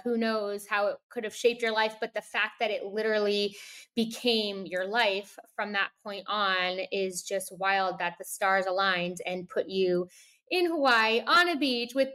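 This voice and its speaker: A woman's voice: medium pitch, fairly bright tone, clean tone. Enthusiastic woman hosting a podcast. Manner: enthusiastic, reflective. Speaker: podcast host. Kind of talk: casual interview chat.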